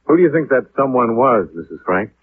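In a tinny, muffled 1950s radio drama recording, a male actor plays a tough, skeptical American insurance investigator. His medium-pitched, husky voice is brisk and sing-song, with a dry, clipped, probing delivery.

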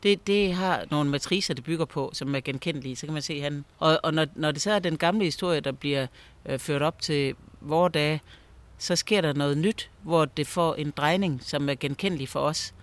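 This is a man with a slightly raised pitch, a guest author spinning eerie stories in conversation. He tells them in a lively way, stumbling over repeated words whenever he restarts a thought. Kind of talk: storytelling in a conversation.

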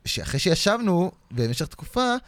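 A man co-hosting a podcast, telling a story in casual chat and acting out the other people in it. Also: high voice. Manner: animated, acts out shouting voices in his story. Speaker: podcast co-host.

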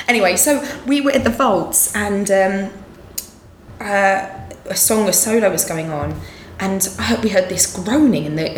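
A woman with an Essex accent, a musical theatre performer telling stories in a casual interview, chatty and quick to giggle. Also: mid-range voice. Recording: roomy echo, faint noise.

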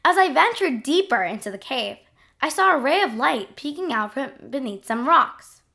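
A woman narrating a scripted first-person adventure story in an expressive diary-like manner. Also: sits high, normal speed, gravelly.

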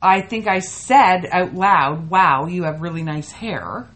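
A middle-aged woman from Canada, co-hosting a casual podcast and telling funny stories with an animated manner. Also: fairly low pitch, slow pace. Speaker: podcast co-host. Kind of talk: casual storytelling chat.

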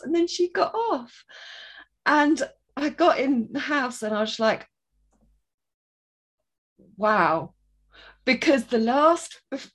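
Chatty woman telling a faith story. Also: fairly high pitch. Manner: chatty, restarts sentences, acts out quoted voices. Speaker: guest sharing a testimony. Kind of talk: casual storytelling.

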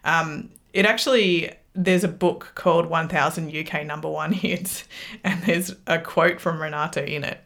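A woman's voice: sits low, steady tone, normal speed, few pauses, a bit bright. A woman hosting a podcast, chatty and laughing often, with frequent "like" fillers. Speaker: podcast host. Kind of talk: podcast chat.

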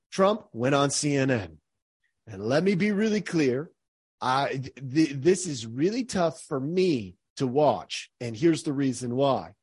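A man hosting his podcast, explaining points in an energetic, emphatic, teacherly way. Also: a little high, husky, dry recording, clean studio sound. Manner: energetic, emphatic, teacherly, frequent "all right". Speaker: podcast host.

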